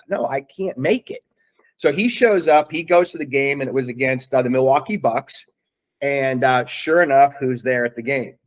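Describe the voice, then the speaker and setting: Earnest middle-aged man telling a story. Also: medium pitch. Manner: rambling, earnest, many fillers and restarts. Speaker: guest, father. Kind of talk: casual storytelling in an interview.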